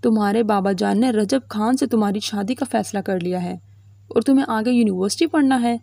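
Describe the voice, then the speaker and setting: A woman voicing a worried middle-aged mother who talks softly and pleadingly. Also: medium pitch, creaky, no room sound. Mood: alarmed. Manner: pleading, soft.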